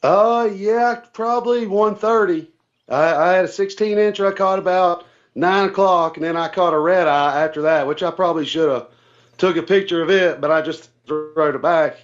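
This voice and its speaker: Faint music plays behind a man whose voice sits high and steady at a moderate pace. He's a tournament angler guesting on a remote call, telling stories in a relaxed, plain-spoken, folksy style over dull, lo-fi call audio.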